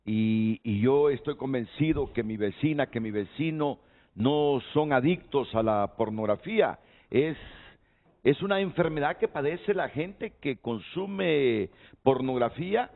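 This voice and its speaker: A TV talk show host from Honduras moderates a panel discussion, posing questions and inviting guests' opinions with hesitant restarts. His medium-pitched voice is animated and creaky, with a measured pace, heard through tinny lo-fi broadcast audio.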